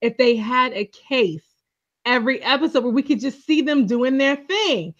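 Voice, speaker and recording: A woman with a high voice recaps a TV episode in casual chat, emphatic and expressive. She laughs often, and the audio sounds a bit dull and lo-fi. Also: normal speed. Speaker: podcast co-host.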